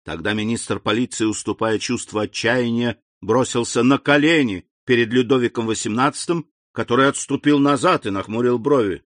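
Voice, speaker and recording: Man reading a novel aloud, steady and deliberate, dry close mic. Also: medium pitch, no room sound. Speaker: audiobook narrator. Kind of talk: scripted narration.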